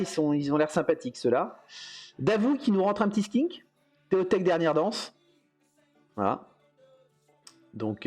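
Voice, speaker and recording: A man hosts a relaxed stream in a mid-range voice, talking in loose, meandering stretches broken by hesitant fillers. He chuckles often as he goes, and faint music plays softly behind him. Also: mid-range voice. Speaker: host. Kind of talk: casual livestream chat.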